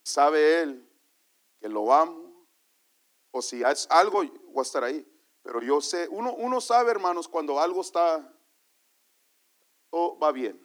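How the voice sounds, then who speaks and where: Pastor preaching, hushed to booming. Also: male voice, animated, unhurried, long pauses. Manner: swings from hushed asides to loud exclamations; storytelling, calls the congregation brother. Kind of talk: sermon.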